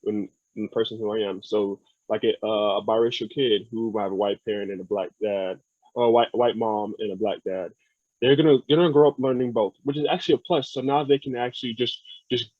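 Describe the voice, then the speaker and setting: A young American man appears as a guest on a casual podcast, talking earnestly and thoughtfully and often repeating words as he thinks. His voice is lowish with fairly even intonation and a slightly quick pace, in a dry, phone-like recording.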